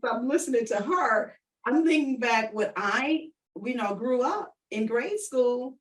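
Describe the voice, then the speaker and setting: A woman with a fairly high, lively voice speaks a little slowly, captured from a distance on a low-quality recording. She hosts an online radio show, warming up with guests and talking straight to listeners, encouraging and affirming them and often repeating phrases.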